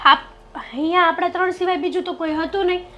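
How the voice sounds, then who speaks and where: An actress playing a sly younger sister-in-law plotting with the elder one. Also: female voice, very high voice, steady tone, brisk, a bit bright, highs cut off, slight background noise. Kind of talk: family drama acting.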